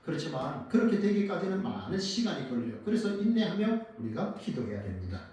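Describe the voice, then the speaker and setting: A pastor preaches in a church sanctuary in a slightly high, very animated voice at a fairly quick pace. He poses questions to the congregation and answers them himself, his loudness rising and dropping dramatically. The hall is very echoey, and the mic is far away.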